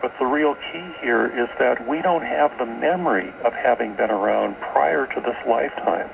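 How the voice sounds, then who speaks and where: On a radio show taped off air from a shortwave broadcast, a guest author with a mid-range voice and vocal fry talks at a normal speed. He works through esoteric ideas, often repeating words as he goes. Background noise can be heard.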